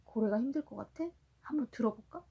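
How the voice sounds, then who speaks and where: Husky woman reading a storybook to a toddler. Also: fairly high pitch, fast, warm tone, highs cut off. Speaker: storyteller reading a picture book to a young child.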